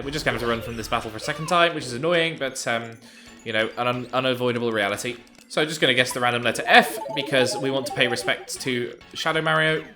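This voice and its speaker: A man giving a casual let's play commentary, chatty and amused, with plenty of ums and uhs. His voice is bright and forward, at a middle pitch.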